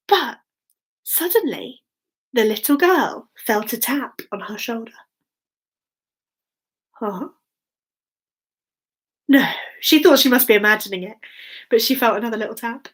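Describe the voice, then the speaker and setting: Speaking in a high register, this woman leads little ones through an interactive bedtime tale. Her delivery is encouraging and expressive, full of sing-song lines and dramatic pauses.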